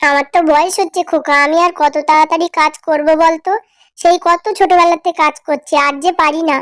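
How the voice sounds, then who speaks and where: A woman voicing a frail, meek elderly mother-in-law in a cartoon drama, speaking softly and pleadingly. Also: very high voice, steady tone, dry recording, studio quality. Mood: aggrieved. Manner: pleading, soft and slow. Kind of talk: cartoon voice acting.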